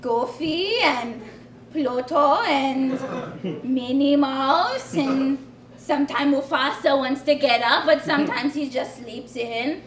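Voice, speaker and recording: A woman playing a bossy, deadpan, scheming theme park worker in an improv comedy scene, giving curt commands. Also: high voice, slow pace. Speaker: improv performer. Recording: echoey room, from far off.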